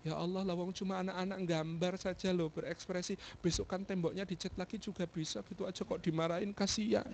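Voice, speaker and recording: A man voicing a gentle, contented young wife, speaking softly, calmly and reassuringly. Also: sits high, fast, vocal fry, few pauses, a little hiss or hum.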